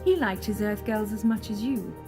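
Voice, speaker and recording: A woman's voice: medium pitch, natural voice. Woman playing the Rani, a sly, taunting villainess. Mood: gloating. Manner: taunting, theatrical, drawn-out. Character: sly, mocking, villainous alien Time Lady posing as goddess. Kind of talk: audio drama acting. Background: music.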